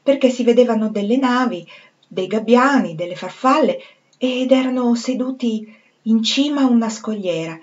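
A woman reading a novel aloud in a measured, expressive literary style. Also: fairly high pitch, highs cut off. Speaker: reader.

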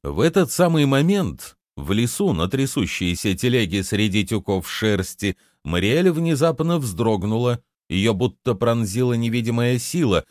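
A man narrating a fantasy audiobook in an even storytelling manner. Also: fairly low pitch, dry recording, clean studio sound.

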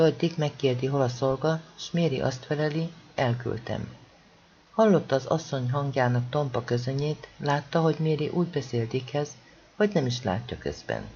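An audiobook reader narrating a novel expressively, with strong swings in pitch and loudness. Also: lo-fi sound, slight background noise.

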